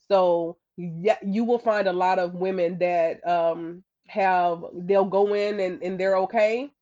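A woman guest telling her story in a conversational, earnest way, growing animated when she quotes others. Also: on the low side. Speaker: podcast guest. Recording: slightly dull lo-fi audio.

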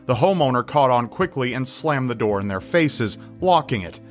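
A man's voice: medium pitch, expressive, normal speed. A man reading scripted narration in the style of a true crime list video. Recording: music behind the voice. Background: background music.

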